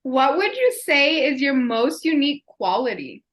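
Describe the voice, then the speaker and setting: A woman's voice: sits high, very animated, moderate pace, fairly bright tone. A young woman co-hosting a vlog, chatting casually and in slang with a friend. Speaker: vlog co-host. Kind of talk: casual chat Q&A between friends.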